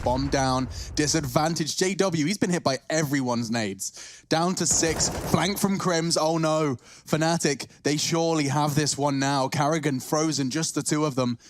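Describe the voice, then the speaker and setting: A man giving excited, dramatic play-by-play commentary as an esports caster. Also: mid-range voice, normal speed. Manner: dramatic, urgent delivery. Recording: clear noise behind the voice.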